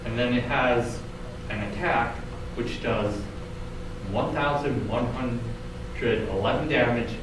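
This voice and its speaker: A man's voice: mid-range voice, slow, pauses often. A man co-hosting a video game retrospective in casual chat. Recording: very echoey room, distant mic, noisy.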